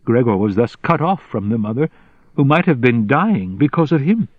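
Male audiobook narrator, deliberate and measured, dry close sound. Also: mid-range voice, big pitch swings, no room sound, narrow, tinny audio. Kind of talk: scripted literary narration.

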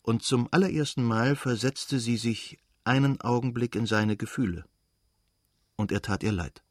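Male audiobook narrator, husky, low voice, measured, dry sound. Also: dry recording. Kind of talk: scripted narration of a novel.

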